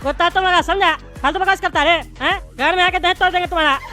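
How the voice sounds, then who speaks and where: A woman's voice: very high-pitched, fast talker, bright, forceful tone, soft background music. A woman voicing a blustering bald politician. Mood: angry. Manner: blustering, threatening. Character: bald male politician, hot-tempered bully.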